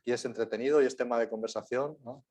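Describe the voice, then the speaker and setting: A man's voice: medium pitch, fairly even intonation, fast talker, darkish tone, husky. A man with a Spain Spanish accent, a guest lecturer answering questions in a university lecture room, rambling on with frequent tag questions.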